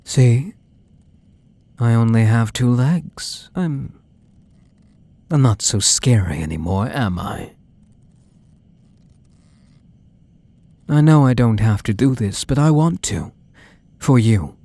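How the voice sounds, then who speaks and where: A man voicing a possessive young half-spider bully in an intimate ASMR role-play, coaxing and teasing softly, tender yet menacing. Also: medium pitch, sing-song, takes it slowly, pauses often, no echo, exaggerated voice. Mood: apologetic, tender. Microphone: close microphone.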